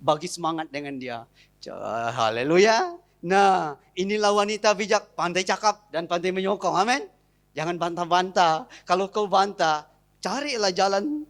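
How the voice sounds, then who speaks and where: A male pastor with a Sarawak Malay accent preaching a lively, joking sermon, acting out little scenes between a wife and husband. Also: high voice.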